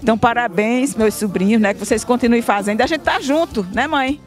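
A woman's voice: fairly high pitch, brisk. A middle-aged woman with a Northeastern Brazilian accent giving an informal thank-you speech outdoors on a handheld mic, often adding tag questions. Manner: frequent tag questions seeking agreement. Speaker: family member of the event organisers giving thanks. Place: outdoors, standing before a group. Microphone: handheld microphone. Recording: outdoor report with faint music bed.

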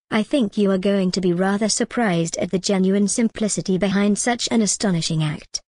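A woman's voice: medium pitch, a little mellow, no room sound, clean studio sound. Wry woman delivering a scripted monologue. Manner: wry, jokey asides amid earnest persuasion. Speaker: video creator.

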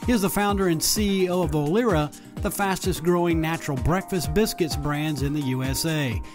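A male radio host introduces the show and his guest in an upbeat, scripted way and drops friendly asides between questions. His voice sits slightly high for a man, with faint music underneath. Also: a little fast. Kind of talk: radio interview hosting.

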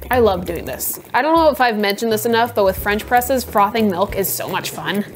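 A woman's voice: mid-range voice, lively intonation, a little fast. A young woman in her twenties hosting a casual vlog, playful and chatty, often breaking into giggles. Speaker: coffee video host. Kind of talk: casual product-review vlog.

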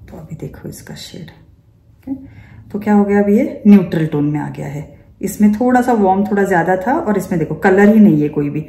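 Woman, makeup teacher, step-by-step demonstration, rhetorical questions to the class, mellow tone, echoey room. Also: mid-range voice, expressive, a little fast. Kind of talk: instructional demonstration.

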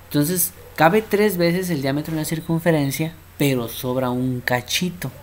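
A man's voice: a little high, normal speed, slight background noise. A man teaching math in a casual way, often checking in with the class and repeating himself. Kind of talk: informal math lesson at a board.

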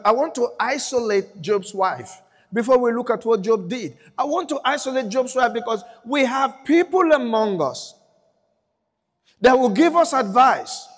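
Brief: high-pitched man pastor, emphatic and repetitive delivery, long church-hall reverb. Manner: emphatic, repeats phrases, drops to quiet slow emphasis. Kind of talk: sermon.

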